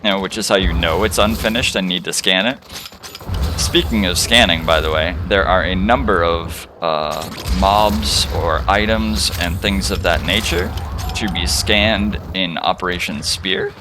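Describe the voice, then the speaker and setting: A man's voice: low voice, measured pace, background noise. A young man giving casual, rambling gameplay commentary, chatty and profane, full of fillers. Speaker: streamer.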